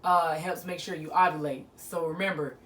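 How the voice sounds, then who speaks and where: A woman's voice: deep voice, fairly even intonation, moderate pace, fairly bright tone. A woman co-hosting a casual vlog chat, talking bluntly with slangy jokes. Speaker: co-host of a couple's vlog.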